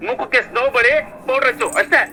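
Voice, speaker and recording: ಜಗಳಗಂಟ ಹಿರಿಮಗ, ಎತ್ತರದ ಧ್ವನಿ, ವೇಗದ ಮಾತು. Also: male voice, very high-pitched, fairly even intonation, fast talker, slight background noise, heavily acted, low-quality recording. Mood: angry. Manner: shouting, scolding, boastful. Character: arrogant hot-tempered eldest son, young adult man. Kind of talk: TV serial acting.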